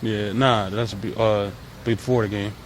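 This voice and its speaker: A young man in his twenties, a college football player answering media questions in a halting, soft-spoken way with many fillers. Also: fairly low pitch, steady tone. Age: 20s. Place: press availability.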